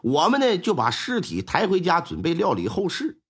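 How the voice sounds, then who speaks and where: A male storyteller voicing a calm middle-aged father who explains things in a low, drawn-out voice. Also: breathy edge, exaggerated voice. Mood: explaining. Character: old man, a scoundrel's father, calm explainer.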